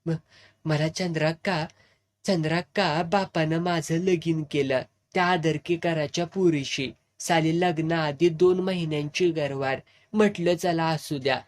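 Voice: medium pitch, close to an everyday voice. A drunk young man who sobs and pleads in a rural Satara accent, pouring out his misery, played by a storyteller. He begs for help in a broken, self-pitying way. It sounds like a spoken audiobook. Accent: rural Satara Marathi. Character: drunk weeping young man, a landlord's son.

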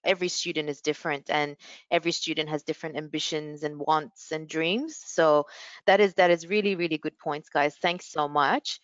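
A woman's voice: low voice, smooth, no room sound, muffled recording. A woman hosting a university video call session, chatty with many fillers. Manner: friendly, lots of fillers like you know. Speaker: university staff host of student session.

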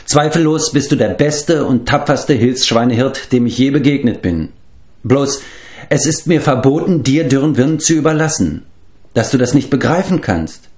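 A man reading aloud and voicing a spirited, proud young girl with a sharp tongue. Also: medium pitch, animated, pitched above the performer's own voice, lightly acted. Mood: insistent. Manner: indignant, quick, sharp-tongued. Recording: roomy echo.

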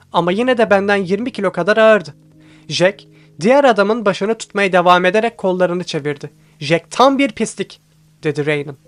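A man reading a first-person audiobook with tense, steady storytelling. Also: high-pitched. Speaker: audiobook reader. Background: faint background music.

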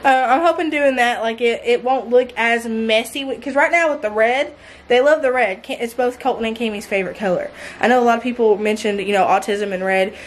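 A woman's voice: on the high side, a little fast, slight background noise. Chatty woman touring a bedroom. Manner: chatty, rambling with fillers and restarts. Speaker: vlogger, stay-at-home mom. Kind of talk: casual clean-with-me tour. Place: child's small red bedroom in a mobile home. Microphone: handheld camera at arm's length.

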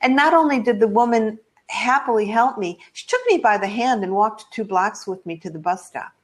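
A woman's voice: fairly high pitch, normal speed. An older American woman, a travel blogger, telling travel stories in a video call interview, chatty and full of ums. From United States. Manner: warm, chatty storytelling with frequent ums. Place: living room at home.

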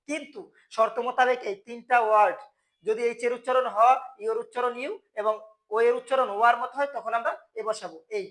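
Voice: medium pitch, a bit bright. A teacher with a Bangladeshi Bengali accent, giving a grammar lesson to school students and answering his own questions. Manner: asks the class questions and answers them himself.

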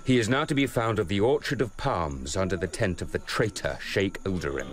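Deep-voiced young Judah Ben-Hur. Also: male voice, lively intonation. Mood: earnest. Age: young adult. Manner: measured, earnest, formal delivery. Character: Judah Ben-Hur, resolute young wronged soldier set on revenge. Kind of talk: radio drama acting and first-person narration.

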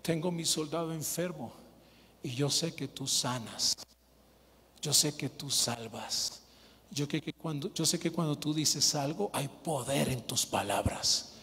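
A preacher voicing a humble Roman officer who speaks low, earnest and pleading. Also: male voice, unhurried, fairly bright tone. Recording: reverberant church hall.

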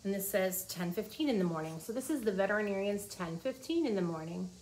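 Fairly quick and animated, this woman's medium-pitched voice has a darkish tone. In her forties, she reads a children's nonfiction book aloud in a small office, teacher-fashion, keeping it simple for young listeners. Room noise is clearly audible.

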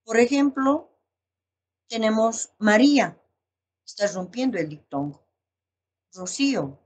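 A woman teacher giving a recorded language lesson, explaining step by step with fillers and careful lists of example words. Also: mid-range voice.

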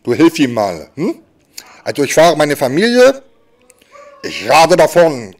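A man speaking as a sign language voice interpreter, voicing stand-up comedy in a lively way that swings between loud and soft. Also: a little high, a little slow, distant mic.

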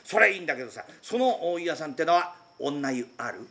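A performer doing a carefree lazy young master. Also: mid-range voice. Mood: eager. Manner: lively, quick, playful comic delivery. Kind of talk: rakugo storytelling. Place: former public bathhouse used as an event venue.

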